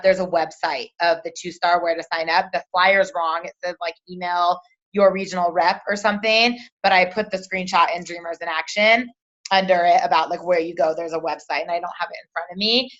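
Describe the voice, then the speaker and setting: Casting: upbeat woman team leader, pep-talk energy, muffled lo-fi call audio. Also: on the low side. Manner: energetic, pep-talk delivery with repeated "right?" and "you guys".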